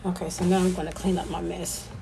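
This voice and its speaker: A woman's voice: fairly low pitch, little pitch movement, quick pace, creaky. A woman vlogging casually in her home kitchen, chatting to viewers and her kids while she cooks. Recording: loud background noise.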